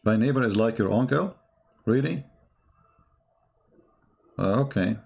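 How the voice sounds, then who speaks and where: A gravelly man with an Arabic accent hosts a livestream, casually answering chat comments as a religious polemicist. His mid-range, darkish voice has lively intonation, and his non-native English is blunt, combative and halting.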